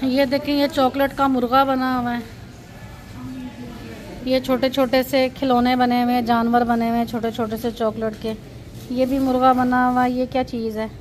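A Pakistani woman vlogs on a handheld phone while touring a chocolate shop and a busy shopping street, pointing things out and repeating "look at this" as she draws attention to each sight. Her high voice stays fairly even in pitch at a moderate pace, with a little hiss or hum in the recording.

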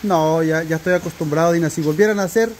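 A man, soft-spoken and slow, bantering with his wife. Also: on the high side, a little hiss or hum. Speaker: host's husband. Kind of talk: casual couple banter.

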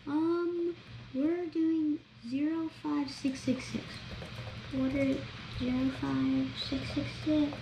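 A woman talking through a video game as she plays, chatty and excitable, narrating each step. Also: high voice, slow. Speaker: gameplay vlogger. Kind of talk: gameplay commentary. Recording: roomy echo, faint background noise.

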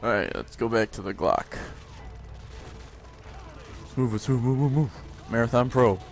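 Brash young man yelling at a game. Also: mid-range voice, measured pace, gravelly. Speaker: gamer. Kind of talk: gameplay commentary.

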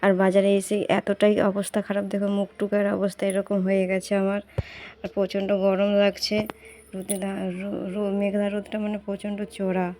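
A woman's voice: medium pitch, completely flat delivery, a little fast, noisy background. A woman talking casually through her day in a vlog, chatty, sometimes speaking to her child in a coaxing tone. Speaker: vlogger.

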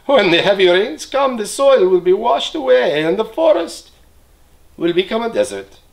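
A man voicing a troop of monkeys with a high, excited and urgent voice. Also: normal speed, creaky, full character voice.

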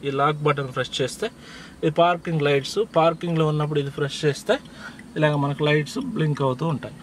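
A man's voice: a little high, a little mellow, slight background noise. Telugu-accented man explaining step by step. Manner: patient, plain step-by-step explaining. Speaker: driving instructor. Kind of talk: casual how-to explanation. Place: inside a parked car.

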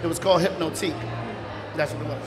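A man from New York, a guest at a live brunch event, telling his stories in a relaxed, animated way. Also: a little high, fast talker, faint music behind. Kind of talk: casual interview storytelling.

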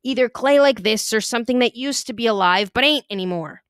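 A woman reading aloud as a blunt, sly boy who speaks slowly and teases. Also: a little high, a bit bright, no echo, studio quality, natural voice. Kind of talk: audiobook character reading.

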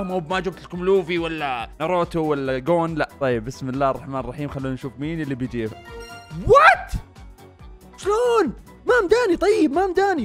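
Fast, excitable young man streamer. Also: a little high. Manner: fast, excitable, bursts of loud laughter and shouting. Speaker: streamer and YouTuber. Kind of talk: excited live-stream gaming commentary.

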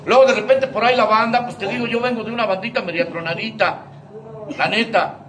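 High-voiced Mexican man, echoey room. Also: fairly even intonation, fairly quick, a crowd in the background. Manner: emphatic, heavy street slang and swearing. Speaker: speaker sharing his recovery testimony. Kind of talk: emotional recovery testimony. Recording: echoey room, mic at a distance, faint noise.

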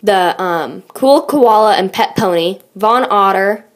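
A woman's voice: mid-range voice, takes it slowly. A young woman chatting casually and jokily as host of an amateur unboxing video, playful and mock-dramatic, her voice echoing in a bathroom. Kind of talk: casual, jokey unboxing chat. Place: small indoor bathroom. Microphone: built-in tablet microphone. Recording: bathroom echo, amateur tablet recording.

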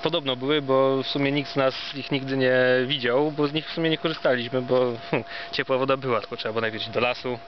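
A Polish man with a medium-pitched voice narrates a casual walk down memory lane. He speaks with wry mock formality, like a tour host. The recording is outdoors, lo-fi and dull, with clear ambient noise around him. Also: steady tone, fast talker, few pauses. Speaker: vlogger giving an on-site tour. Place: outdoors at a former campsite.

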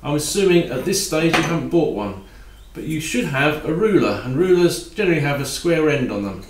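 Calm man teaching woodworking, echoey room. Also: fairly high pitch, a little fast, background noise. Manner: calm, practical, talks while working. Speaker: woodworking instructor. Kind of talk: step-by-step workshop tutorial. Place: home workshop at a workbench.

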